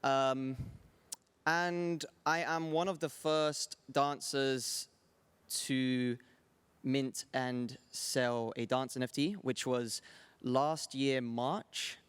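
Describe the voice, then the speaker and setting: A man's voice: mid-range voice, steady tone, extremely slow, fairly bright tone, clear, resonant tone. A man, a dancer speaking on a panel in a modest, hesitant way. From England. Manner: modest, hesitant, repeats words. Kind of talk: casual panel talk.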